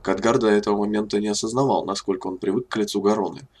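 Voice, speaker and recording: Low-voiced male audiobook narrator. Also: slightly rough. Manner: steady, measured reading. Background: faint music.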